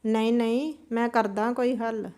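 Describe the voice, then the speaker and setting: A woman's voice: a little high, steady tone, normal speed, a little mellow, close to an everyday voice. A woman voicing a stern, impatient father who speaks curtly.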